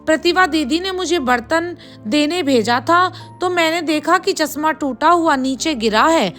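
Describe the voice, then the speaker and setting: A woman voicing a gentle, meek young daughter-in-law in a storybook tale, speaking in a soft, pleading way. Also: high-pitched, a little slow, faint music behind. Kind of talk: storybook voice acting.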